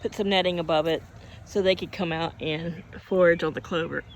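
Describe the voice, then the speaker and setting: Older woman rambling, gravelly voice. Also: on the low side, fairly even intonation, a little fast. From Oklahoma. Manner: meandering, homey, with frequent hiccups and yawns. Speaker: vlogger. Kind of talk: rambling casual chat. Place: outdoors in a garden. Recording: faint outdoor noise, birds and passing traffic.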